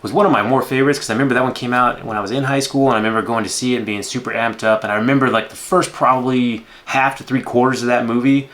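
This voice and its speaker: A man's voice: medium pitch, fairly even intonation, racing, hardly any pauses, fairly bright tone. A man in his thirties hosting a movie reaction, giving casual, unscripted commentary with rambling asides.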